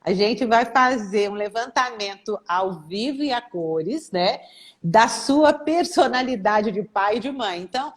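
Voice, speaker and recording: A middle-aged Brazilian woman therapist talking casually on a live stream, telling lively stories and acting out the voices of the people she quotes. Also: medium pitch, measured pace. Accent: Brazilian Portuguese. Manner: animated storytelling, acts out quoted voices.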